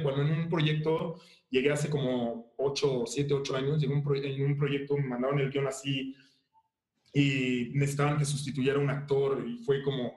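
A man with a Mexican Spanish accent, a guest actor talking casually in an interview, halting with many fillers and restarts. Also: a little high. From Haiti and Mexico. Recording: roomy echo.

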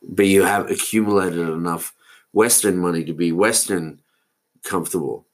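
This is a deep-voiced man in his forties talking at a normal speed. Alone on his podcast, he drifts from thought to thought and keeps losing his thread.

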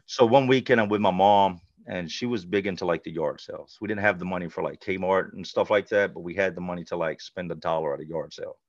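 A man's voice: deep voice, quick pace, few pauses, no echo. A middle-aged man from North Carolina, telling his life story as a podcast guest in a blunt, conversational way, full of "like" and "you know". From North Carolina, USA. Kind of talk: candid personal storytelling. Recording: dull, lo-fi dry sound.

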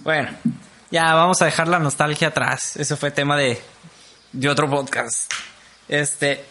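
Bright-voiced young Mexican man chatting. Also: on the high side, unhurried. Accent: Mexican Spanish. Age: young adult. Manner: slangy, animated, swearing. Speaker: podcast co-host. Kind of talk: casual chat.

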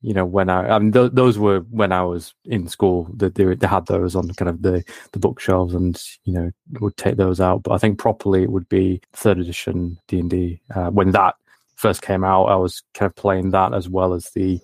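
A man's voice: sits low, little pitch movement, moderate pace, darkish tone, dry recording. A man being interviewed as a guest, talking hesitantly with lots of restarts. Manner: hesitant, many fillers and restarts. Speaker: game designer guest. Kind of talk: casual interview.

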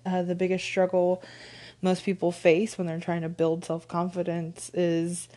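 Woman podcast host, stuffed-up nose, low-ish mellow voice, casual coaching chat full of ums. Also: monotone, measured pace. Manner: conversational, frequent ums, light laughs. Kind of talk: casual solo podcast talk.

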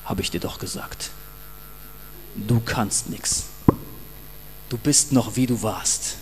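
Sneering accusing Satan voice, low and creeping, put on by a male preacher mid-sermon, faint hum behind. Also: long reverb tail. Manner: low, slow, half-whispered taunting.

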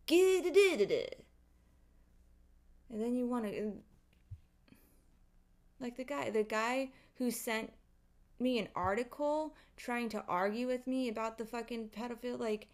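Exasperated, higher-voiced woman ranting casually. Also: a little slow, pauses often. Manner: heavy swearing. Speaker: podcast host. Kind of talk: casual opinionated monologue.

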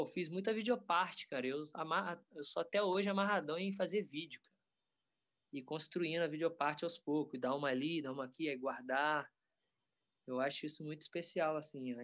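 A man, a professional skateboarder talking in a relaxed, rambling way full of slang. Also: on the high side, a little fast. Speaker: pro skateboarder guest. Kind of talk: casual interview chat.

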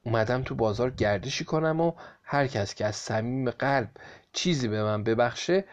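A menacing devil who calls himself lord of the night, as a storyteller puts him on. He speaks coldly and evenly, at a middling pitch. The recording sounds slightly muffled and lo-fi. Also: expressive, natural voice. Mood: cold, measured.

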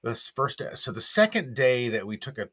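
A man's voice: medium pitch, very animated, normal speed, fairly bright tone, breathy edge. A man co-hosting a podcast in casual chat, rambling with fillers and chuckles. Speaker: podcast co-host.

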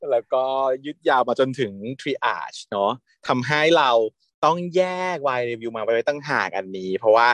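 A man co-hosting a review podcast, playful and teasing, asking quick questions. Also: mid-range voice, a bit bright, no echo. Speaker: podcast co-host. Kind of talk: casual review chat.

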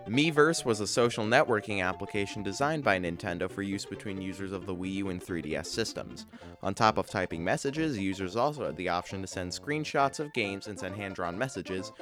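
A man hosting a podcast, reading scripted explainer narration about video game trivia in a dry, matter-of-fact way. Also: low-pitched. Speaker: podcast host.

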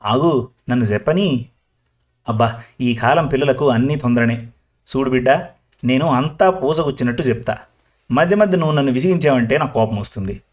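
Man playing talkative old village granny, slow and rambling, storybook. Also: mid-range voice, a little mellow, lightly acted. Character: chatty old village grandmother, talkative and proud. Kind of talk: storybook reading.

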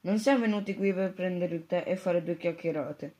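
Reader voicing a stern girl, firm and reproachful, mid-pitched. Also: normal speed, warm tone, natural voice.

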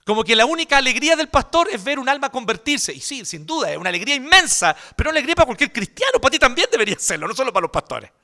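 A Chilean-accented male pastor preaches a sermon in a casual, joking, colloquial way. His voice sits high for a man and has a bright, ringing tone. His pitch swings widely as he talks. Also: big pitch swings, racing, few pauses.

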